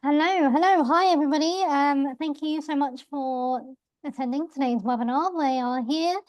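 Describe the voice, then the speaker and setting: A woman's voice: high-pitched, normal speed, no echo. A woman hosting a webinar, welcoming the audience in an upbeat way with a few fillers. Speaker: webinar host. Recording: dry, slightly dull video-call audio.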